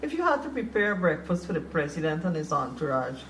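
A woman guest on a talk show, speaking in a measured, agreeable way. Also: low-pitched, very animated, fairly bright tone, slight background noise. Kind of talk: casual chat. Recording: voice distant from mic.

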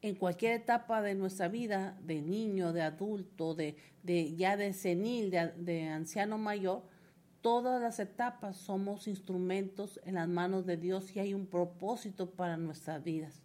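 A woman preaches with fervor, her voice at an ordinary middle pitch. She leans on repetition and swells to emphatic peaks as she urges her listeners on. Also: steady tone, measured pace, a little mellow. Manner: fervent, builds to emphatic repetition. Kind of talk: sermon.

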